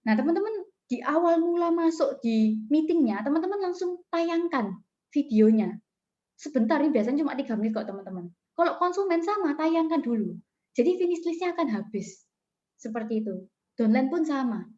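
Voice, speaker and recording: A woman's voice: high-pitched, very animated, brisk, dark tone, lo-fi sound. A woman mentor giving a coaching talk and telling a story, chatty and full of fillers, addressing her audience often over a video call. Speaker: business mentor.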